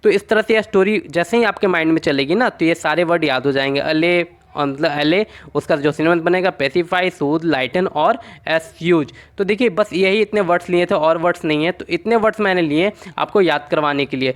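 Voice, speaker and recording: Male tutor with a high voice; chatty mnemonic lessons, answers his own questions. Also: brisk, hardly any pauses. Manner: repeats "okay" often, asks and answers his own questions; explains through short made-up stories. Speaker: exam-prep teacher.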